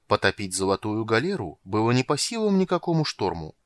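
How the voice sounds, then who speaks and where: A man with a low voice reads an adventure story aloud. His delivery rises and falls with lively expression. The sound is dry and close. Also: fairly quick, no echo. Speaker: narrator. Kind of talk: scripted narration.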